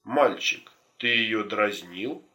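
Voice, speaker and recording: A man voicing a stern park watchman who lectures slowly and deliberately. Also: on the low side, expressive, bright, forceful tone, heavily acted. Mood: questioning.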